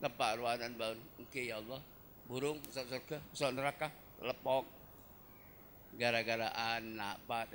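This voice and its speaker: A man's voice: medium pitch, fairly bright tone, slight background noise. A male preacher giving a sermon, delivering rhyming verses in a rhythmic, sing-song way.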